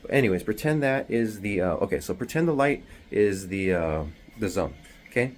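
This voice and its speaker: In a small bathroom at home, a man with a very deep voice explains delivery-driver pay for a casual vlog. He keeps it hushed, half-whispering so he won't wake anyone, yet he stays animated, rambling along at a moderate pace with plenty of fillers.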